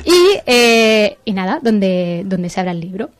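A woman's voice: mid-range voice, big pitch swings, measured pace. A woman with a Castilian Spanish accent chatting casually as a segment host, enthusiastic and informal as she explains things step by step. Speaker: segment host presenting a book.

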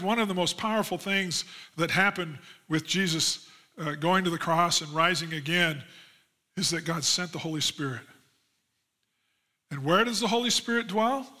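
A man's voice: on the high side, pushed and bright. A man preaching a sermon as lead pastor, reading scripture passages aloud and then expanding on them earnestly, leaning on the key promises with rising emphasis.

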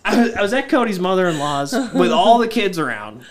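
A man's voice: sits high, big pitch swings, brisk, a crowd in the background. A twenty-five-year-old man co-hosting a podcast, telling a story in casual banter and laughing through his punchlines. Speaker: podcast co-host.

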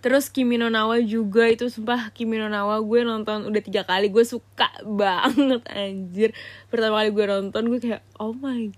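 A woman's voice: fairly high pitch, steady tone, moderate pace, no room sound. A woman hosting a solo podcast, chatting in a slangy, gushing way with lots of fillers. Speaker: podcast host. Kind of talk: casual solo podcast chat.

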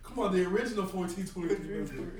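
A man's voice: sits high, fast, crowd noise. A young man co-hosting a podcast, goading his friends in casual slangy banter. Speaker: podcast co-host. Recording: echoey noisy room, off-mic.

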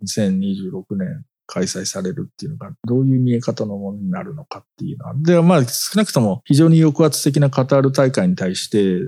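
A man's voice: lowish voice, a little fast, vocal fry, few pauses, mellow, husky, dry recording. A man co-hosting a casual podcast, rambling and thinking aloud with many fillers as he explains his view. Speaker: podcast co-host.

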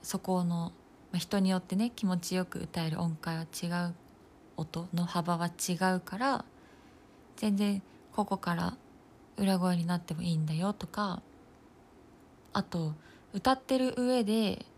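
A young woman in her twenties talking casually and alone in a slightly low voice. She muses loosely as she goes, trailing off into fillers and small laughs. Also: unhurried, a little hiss or hum. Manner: musing, loose and chatty, with soft laughs and frequent fillers. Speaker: nursing student podcaster. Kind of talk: casual solo talk.

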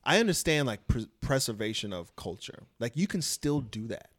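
A man talking in a casual conversation, telling a personal story in a lively way, acting out what others said and swearing now and then. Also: mid-range voice, moderate pace. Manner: animated storyteller, swears, acts out quotes. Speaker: comedian guest.

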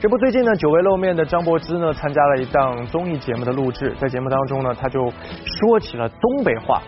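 A man's voice: a little high, lively intonation, fast, faint music behind. A man presenting entertainment news in a chatty way, introducing reports. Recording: slightly dull broadcast sound.

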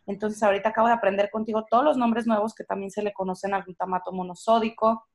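A woman's voice: medium pitch, fairly even intonation, fast. A woman co-hosting a podcast, talking in an earnest, casual way and warning parents directly. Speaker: podcast co-host.

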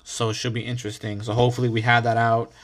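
Speaking quickly at a mid-range pitch, a young American podcaster tells a story in a rambling, conversational way. Expect energetic swearing and frequent sudden spikes into loud outbursts from the host.

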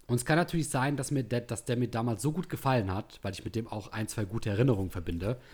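Male co-host with a mid-pitched voice, relaxed and reflective, with dry humor. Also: fast talker, husky. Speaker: perfume reviewer co-host. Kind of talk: casual chat.

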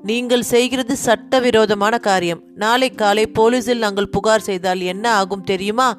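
A woman's voice: mid-range voice, steady tone, moderate pace, lightly acted. A woman reading as a firm young woman. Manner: firm, warning. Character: young woman rallying her courage.

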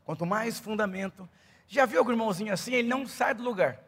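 Male pastor, middle-aged, fervent sermon, high voice, long hall reverb. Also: quick pace, breathy edge. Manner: builds from calm storytelling to loud fervent preaching.

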